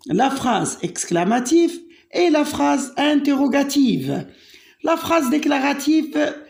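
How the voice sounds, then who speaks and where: A woman teaching a grammar lesson, slowly explaining rules and repeating each example twice. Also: on the high side, gravelly, darkish tone. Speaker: French teacher. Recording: roomy echo.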